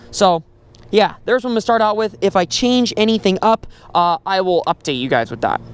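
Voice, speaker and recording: A young man talking through his fishing gear and catches on a pond shore, chatty and excitable, recorded on a head-mounted camera. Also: high-pitched, slight background noise. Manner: excitable, chatty, with many fillers. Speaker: fishing vlogger. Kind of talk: casual outdoor fishing commentary. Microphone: head-mounted action camera.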